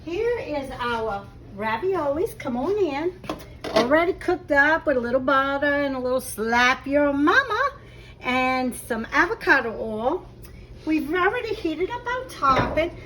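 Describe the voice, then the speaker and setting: Folksy cooking show host, echoey kitchen. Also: female voice, sits high, sing-song, a little slow, fairly bright tone. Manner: folksy, chatty, narrates each step as she goes. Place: indoor kitchen. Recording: echoey room with faint background noise.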